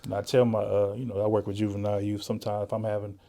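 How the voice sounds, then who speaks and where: A man's voice: lowish voice, rapid-fire, gravelly. Laid-back man hosting a chat. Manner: relaxed, says "man" and "you know" often. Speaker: podcast host; works with juvenile youth. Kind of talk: casual interview chat.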